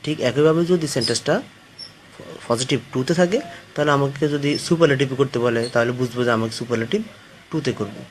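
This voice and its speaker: A man's voice: medium pitch, brisk, slight background noise. A man teaching an English grammar lesson, hesitating often and spelling words out letter by letter. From Bangladesh.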